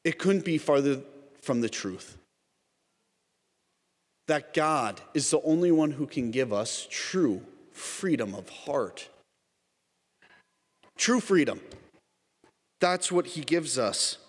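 A man's voice: a little high, lively intonation, takes it slowly, long pauses. A man preaching an earnest Lent sermon, calling his listeners "everyone" again and again. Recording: long reverb, as in a church.

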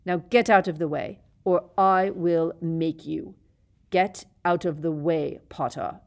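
A woman's voice: on the low side, normal speed, mellow, close to an everyday voice. A woman reading aloud and voicing a cold, bitter middle-aged male teacher with a silky, sneering manner in a storybook. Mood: enraged. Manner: sneering, silky, rising to shrieks.

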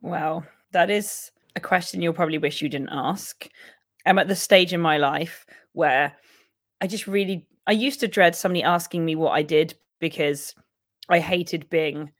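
A young woman co-hosting a podcast, with a croaky, husky voice, chatting and laughing as she rambles. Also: on the low side, no room sound, studio quality. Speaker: podcast co-host. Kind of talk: casual podcast chat.

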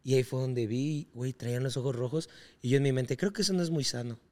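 A man with a Mexican accent talks on a podcast in a loose, emphatic way, full of slang and swearing. His voice sits at an ordinary middle pitch for a man. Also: fast, mellow. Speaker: podcast co-host. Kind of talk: casual podcast chat.

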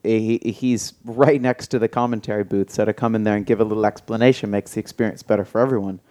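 A man's voice: lowish voice, fairly even intonation, fast, dark tone. A man co-hosting a surf podcast, talking enthusiastically and explaining his points one by one. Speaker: podcast co-host. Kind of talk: casual chat.

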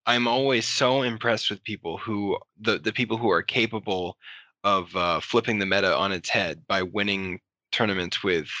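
A man's voice: on the low side, normal speed, pushed and bright, no echo. A man hosting a casual podcast chat, enthusiastic and rambling with fillers. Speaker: podcast host.

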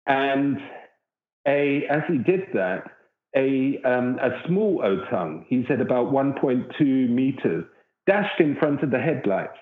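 A man's voice: mid-range voice, big pitch swings, slow pace. Man on an echoey phone line. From southern Africa. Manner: earnest, rambling anecdotal telling. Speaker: wildlife researcher, guest. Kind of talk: storytelling in an interview. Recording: tinny phone-like line with echo.

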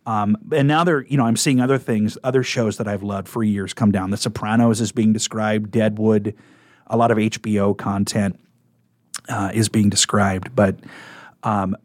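A man's voice: on the low side, fairly even intonation, normal speed, dry recording, clean studio sound. A man chatting casually and enthusiastically as a guest on a radio interview program. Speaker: radio talk show guest and coworker.

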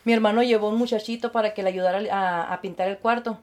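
A woman, a guest recounting her experiences and acting out the voices of others in lively conversation. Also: mid-range voice, quick pace. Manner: animated, acts out quoted voices, laughs easily. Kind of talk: storytelling in conversation.

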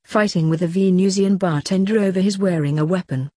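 A blunt, sarcastic teenage girl, read by a woman. The voice is husky and fairly low, and comes across offhand and unimpressed. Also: brisk, warm tone, no room sound, natural voice.

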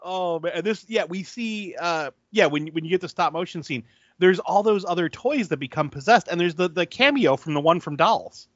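A man co-hosting a podcast, retelling film scenes with animated, laughing enthusiasm. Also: high-pitched, normal speed, dry recording. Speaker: podcast co-host. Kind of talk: casual chat reviewing a film. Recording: dry, dull lo-fi sound.

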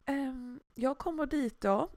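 Young woman, casual chat, animated storyteller, bright high-ish voice. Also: no echo, clean studio sound. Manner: lively storytelling, acts out quotes. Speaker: podcast co-host.

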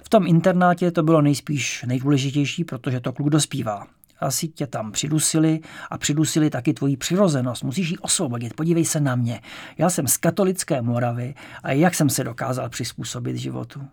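A man reading an audiobook, voicing a brash, loud and teasing male poet character. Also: mid-range voice, gravelly, husky, no room sound, clean studio sound. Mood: boisterous.

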